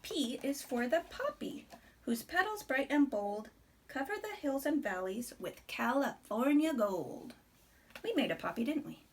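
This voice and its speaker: For a small child, a woman reads a rhyming picture book aloud, deliberate and expressive, chatting between lines. Her voice sits high, and there's a slight hiss or hum.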